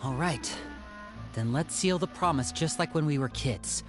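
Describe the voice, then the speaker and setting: A woman's voice: sits low, measured pace, over music. A woman voicing a suave, theatrical, scheming young man and older brother in an anime game. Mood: earnest, conspiratorial.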